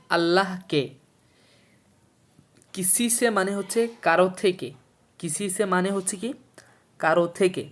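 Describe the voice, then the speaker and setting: A man from Bangladesh teaching Urdu vocabulary from a textbook. He explains each word slowly, repeats words and their meanings, and quizzes the listener as he goes. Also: sits high. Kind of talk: textbook lesson for a video series.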